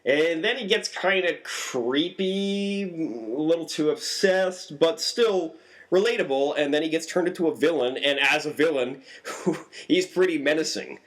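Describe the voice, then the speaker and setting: A man talks through a film review in a casual, conversational way. His voice sits a little high and jumps up further when he stresses a point. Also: measured pace. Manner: animated, swings pitch up for emphasis.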